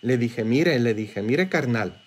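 A man with a Mexican Spanish accent, preaching a sermon as a priest in a joking, conversational way with quick asides. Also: mid-range voice, expressive, husky.

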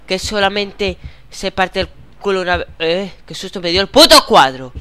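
A man's voice: high voice, moderate pace, bright, forceful tone, smooth. Jokey cursing gamer man. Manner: swearing, jokey, frustrated, mutters. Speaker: gaming channel host. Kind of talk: horror game let's play commentary.

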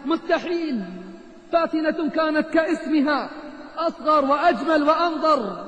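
A man's voice: very high voice, moderate pace, fairly bright tone. A male preacher voicing a kind young woman doctor who speaks in disbelief. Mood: astonished. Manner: astonished, disbelieving. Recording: echoey hall.

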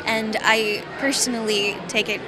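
A woman's voice: on the high side, fairly even intonation, measured pace, music in the background, poor audio. A young woman from Finland, a conference delegate, answers interview questions eagerly. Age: young adult. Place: large crowded hall. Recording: crowd chatter behind.

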